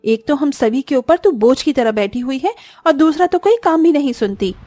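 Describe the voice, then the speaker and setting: A woman's voice: high-pitched, animated, moderate pace, darkish tone, dry recording, studio quality. A woman playing a harsh, bossy sister-in-law. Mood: scolding. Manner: harsh, commanding, scolding. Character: bossy domineering young sister-in-law, scolding.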